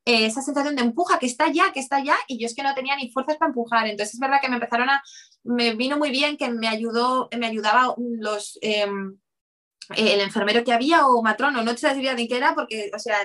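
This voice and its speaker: A woman talks through a personal story in a rush, her words tumbling out. Her voice sits a little high, and she keeps circling back with restarts and fillers. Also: sharp tone. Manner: rapid, rambling, full of "o sea" restarts. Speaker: interview guest.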